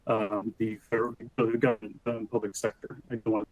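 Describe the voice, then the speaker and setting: A man speaking as a panel guest over a video call, his audio corrupted and cutting out, talking haltingly with many fillers and restarts. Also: lowish voice, level tone, dry recording, lo-fi sound. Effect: corrupted audio that keeps cutting out.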